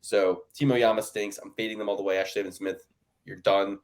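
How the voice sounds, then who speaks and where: A man's voice: on the low side, flat delivery, brisk. A man co-hosting a sports picks podcast, ranting in casual chat and mocking others with put-on quotes. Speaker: podcast co-host.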